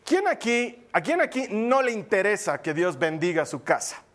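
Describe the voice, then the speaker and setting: High-voiced male pastor preaching. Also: normal speed. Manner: lively, jokey preaching with acted asides. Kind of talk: sermon. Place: church hall with congregation.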